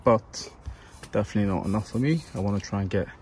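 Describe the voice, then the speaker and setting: A man's voice: on the low side, quick pace, a little hiss or hum. A man casually talking viewers through repainting his car's brake calipers while he works. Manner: relaxed, chatty, talks while working. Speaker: car vlogger. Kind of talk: casual DIY vlog narration.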